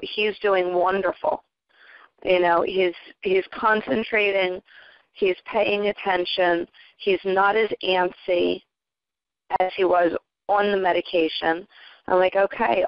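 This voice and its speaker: On a recorded conference call, a middle-aged woman with a medium-pitched voice recounts her experience as a parent in a relaxed testimonial, acting out dialogue in quotes. There's no echo, though the sound quality is lo-fi.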